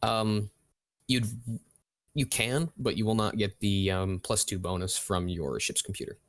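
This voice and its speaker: A man with a fairly low voice acts as game master for a tabletop role-playing game. He narrates casually and haltingly, and the recording is dry and close. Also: fairly even intonation, no echo.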